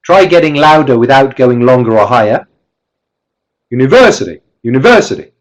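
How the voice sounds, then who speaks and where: Speaking a little fast in a mid-range voice, a man delivers a live online presentation as a teacher trainer, and the audio is poor. He talks through a webcam's computer mic, explaining step by step, often restarting sentences and leaning on his example words.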